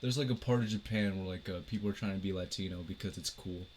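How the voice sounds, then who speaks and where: A man's voice: deep voice, fast talker, a little hiss or hum. A young man in casual podcast chat, telling stories animatedly. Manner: animated storyteller, laughs often. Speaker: podcast co-host.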